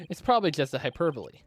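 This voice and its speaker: A man playfully chatting and teasing his friend while they play a game together. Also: a little high. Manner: playful, teasing, laughs easily. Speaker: co-op game partner. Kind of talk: casual co-op gaming chat.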